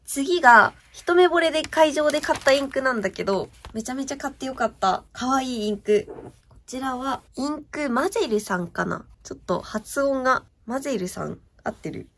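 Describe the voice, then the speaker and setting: A woman's voice: high-pitched, moderate pace, fairly bright tone, slight background noise. A young woman chatting casually as she shows off her stationery purchases, gushing and often asking viewers if the sparkle comes across. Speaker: stationery vlogger. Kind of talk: casual show-and-tell chat.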